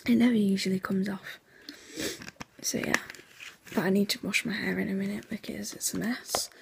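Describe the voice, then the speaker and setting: A young woman chatting casually in a vlog, her voice hoarse and nearly gone, half-whispering and sleepy, rambling with lots of fillers. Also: mid-range voice, steady tone, moderate pace, background noise. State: sleepy, yawning. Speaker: vlogger.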